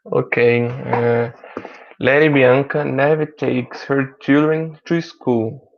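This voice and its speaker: Slow careful student on muffled call. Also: male voice, mid-range voice, fairly even intonation, creaky. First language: Portuguese. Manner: careful reading, repeats words.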